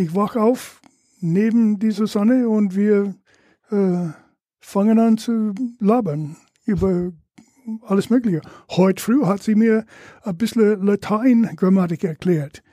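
An older man with an American accent talks as a guest in halting, searching German. He is a native English speaker and laughs easily. His voice is mellow and the sound is dry and close. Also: sits high, no echo. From Louisiana, USA. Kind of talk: casual interview chat.

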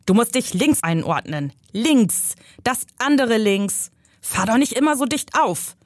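A woman's voice: fairly high pitch, expressive, unhurried, no room sound, studio quality, voice pushed up. A woman reading aloud from her novel, voicing a grumpy, bossy old uncle who nags from the passenger seat. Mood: nagging. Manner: nagging, scolding commands.

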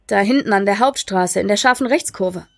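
A woman reading aloud, voicing a calm, polite adult man who reassures a lost child and his parents. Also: medium pitch, fairly quick, vocal fry, dry recording, clean studio sound.

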